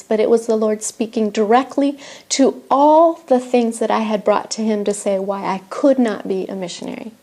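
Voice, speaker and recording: A middle-aged woman, a native Spanish speaker from Argentina who works as a missionary, tells the story of her faith with earnest reflection, restarting now and then. Her voice is mid-range and dark in tone.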